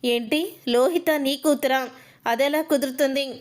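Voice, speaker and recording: An indignant lady of the house firing questions at a stranger, with a high voice, read by a woman telling the story. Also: fairly even intonation, normal speed, natural voice.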